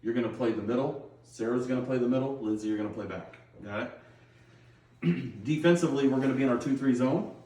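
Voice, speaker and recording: A middle-aged man, a basketball coach, gives his team a pregame pep talk, plain-spoken and instructive, often checking in with a quick okay. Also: mid-range voice, warm tone. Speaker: high school girls' basketball coach. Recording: roomy echo, distant microphone.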